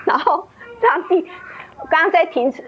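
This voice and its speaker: A woman sharing a personal faith testimony at a book club, her voice leaping up with excitement as she tells it. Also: normal speed. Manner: excited, pitch leaps up when moved, laughs and cries while telling. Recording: dull lo-fi sound.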